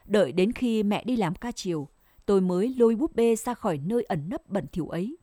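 Woman reading a sad story, mellow tone. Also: medium pitch, lively intonation, a little fast, no echo, clean studio sound. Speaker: narrator. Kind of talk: scripted first-person story narration.

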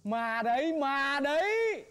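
A woman's voice: high voice, sing-song, slow, background noise, exaggerated voice. A woman playing a cheeky assistant who teases a sorcerer in a chèo folk theatre comedy. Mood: teasing. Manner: teasing, mocking.

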